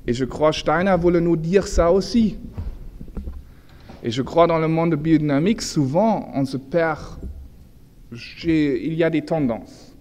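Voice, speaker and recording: A man's voice: on the high side, a little mellow. Echoey hall, man lecturing in German-accented French. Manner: halting, searching for words, self-correcting. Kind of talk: informal illustrated lecture. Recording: echoey hall with long reverb, background noise.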